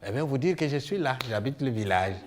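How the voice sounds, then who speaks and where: A man from Congo, telling his story on stage in a lively way, acting out scenes and asking the audience questions. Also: mid-range voice, a little fast. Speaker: stage performer. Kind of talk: theatrical storytelling monologue. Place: theatre hall before an audience.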